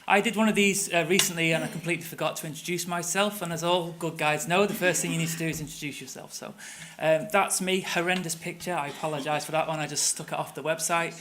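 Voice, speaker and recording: This middle-aged Englishman from Manchester, a tour operator, gives a conversational presentation in a conference room, full of fillers and restarts. His voice is a little high, steady and a bit bright, and he talks fast with few pauses. There's a faint hiss or hum on the recording.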